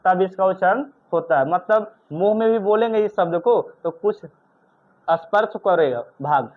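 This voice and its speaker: In an Indian classroom, a stern male teacher runs a grammar lesson, drilling students with repeated questions and sharp scolding. His voice sits high for a man and moves at a normal speed. The audio is thin and tinny, much like a phone line.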